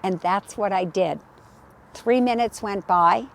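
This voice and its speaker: Her voice is medium-pitched, a little slow, and creaky. She's a friendly California real estate agent leading a casual walking tour of a lakeside community outdoors on a golf course trail by the lake, sharing stories in a chatty way.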